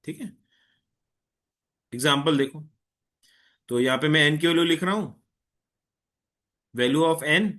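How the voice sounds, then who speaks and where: A man teaching a chemistry lesson. His voice is fairly high and bright, and he mixes Hindi with English phrases. He is patient and keeps asking the class if they understand. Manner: Hindi mixed with English, checks understanding often; patient, tells an eager student to slow down. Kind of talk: online class lecture.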